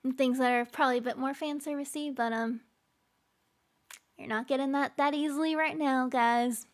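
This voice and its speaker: She has a high-pitched, steady voice at a normal speed. Chatting casually with viewers on her live stream, she is giggly, laughs frequently between lines and lets sentences trail off into fillers.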